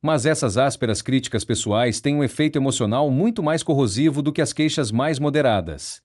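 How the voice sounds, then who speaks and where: A man reading a nonfiction book aloud in a measured, steady, explanatory way. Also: mid-range voice. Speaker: audiobook narrator.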